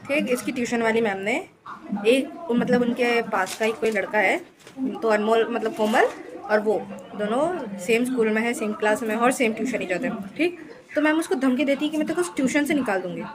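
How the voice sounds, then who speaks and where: Chatty woman vlogger with a higher voice. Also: a little fast, a crowd in the background. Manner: chatty, talks straight to viewers; heated and emphatic when ranting. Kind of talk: casual daily vlog chat.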